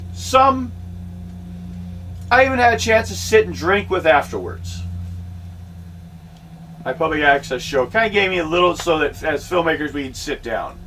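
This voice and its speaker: Middle-aged man, back-in-my-day rant, indignant and emphatic, bright forceful voice, distant mic. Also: high voice. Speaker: vlogger and amateur filmmaker. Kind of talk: opinionated rant to camera. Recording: distant mic with faint background noise.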